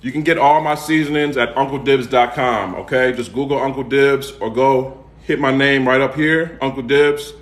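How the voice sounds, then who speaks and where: A Southern-accented man from the United States, raised in Atlanta, hosts a home cooking livestream and also sells seasonings. His medium-pitched voice moves at a normal speed with few pauses, and he talks in a folksy, casual way, repeating points and tacking on "okay?" and "all right?" to check in. The room gives the audio a noticeable echo.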